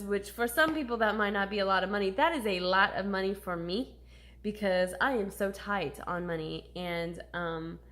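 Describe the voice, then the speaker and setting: A woman's voice: fairly low pitch, fairly bright tone. A woman in her thirties talking candidly and emotionally in a personal vlog, swearing casually as she confides. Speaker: vlogger.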